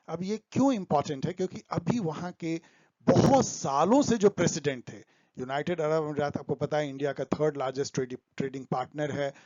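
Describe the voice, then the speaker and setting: A man's voice: on the high side, darkish tone, no room sound, dull audio. A man explaining current affairs for exam students over slides, mixing English terms into his talk. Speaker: exam tutor.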